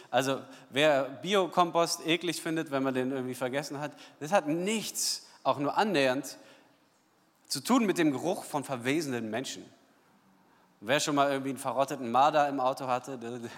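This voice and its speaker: A man preaching a sermon, retelling the story casually and voicing the figures with lively quotes. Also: medium pitch, big-room sound. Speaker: pastor.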